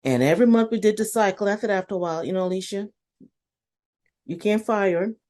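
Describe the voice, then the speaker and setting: A woman talks through a personal story in a relaxed interview and fills it with energy. She is emphatic and blunt, and she acts out her own self-talk in quotes. Her voice sits in an ordinary middle range. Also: mid-range voice, quick pace. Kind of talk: casual interview conversation.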